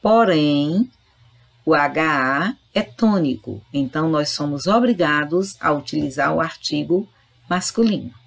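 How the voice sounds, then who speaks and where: In this recorded online grammar lesson, a woman who teaches Spanish talks straight to her students and explains things with patience. She speaks a little slowly in a low, gravelly voice with lively intonation.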